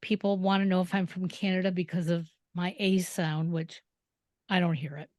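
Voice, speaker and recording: A woman's voice: fairly low pitch, flat delivery, moderate pace, a little mellow, no echo. Woman host, casual interviewer, rambling delivery, dry close sound. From Detroit, Michigan. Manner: conversational, rambling with fillers. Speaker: podcast host.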